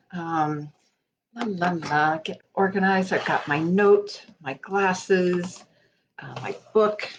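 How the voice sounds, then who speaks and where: A woman's voice: fairly low pitch, highs cut off. Chatty woman greeting live viewers. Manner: chatty, warm greetings, many fillers. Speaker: host of a live stream. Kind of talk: casual chat greeting viewers. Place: home office at her desk.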